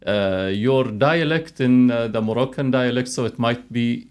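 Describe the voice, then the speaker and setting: A man hosting a conversational interview podcast, speaking in a halting, hesitant way with frequent pauses. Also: medium pitch, a little mellow, clean tone. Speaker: podcast host interviewing a guest.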